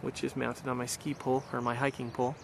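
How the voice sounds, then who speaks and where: Vlogging as an amateur radio operator in hilly backcountry, a middle-aged American man gives a casual, enthusiastic summary. His mid-range voice is creaky and flat in delivery, moving at a quick pace, with outdoor noise in the background.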